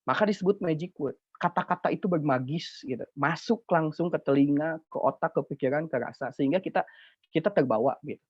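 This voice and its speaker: A young man with a Sundanese accent gives a chatty, animated lecture on poetry to students. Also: fairly high pitch, a little fast, husky, no room sound. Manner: chatty, animated, uses fillers. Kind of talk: informal online lecture. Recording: dull dry lo-fi recording.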